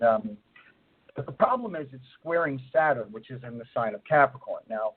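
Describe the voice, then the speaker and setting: A man's voice: medium pitch, breathy edge. A middle-aged man co-hosting a radio show by phone, rambling through explanations with many fillers, his voice muffled and distant as if through a long tube. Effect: muffled distant phone line, as if talking through a long tube. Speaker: radio co-host and astrologer. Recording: tinny phone line.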